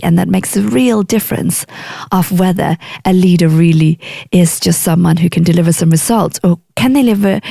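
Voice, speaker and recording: A woman's voice: mid-range voice, gravelly, warm tone, dry recording, clean studio sound. A middle-aged woman from Denmark with a Danish accent, hosting her own podcast as an executive coach and speaking earnestly and emphatically in a solo monologue. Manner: earnest, emphatic, acts out quoted clients.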